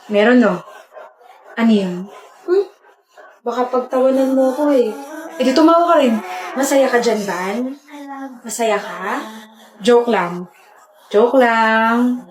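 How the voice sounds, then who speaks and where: A woman with a fairly high voice acts out a bickering comedy skit. Her lines sound echoey, as if recorded in a bare room. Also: a little mellow. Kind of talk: acted comedy skit dialogue.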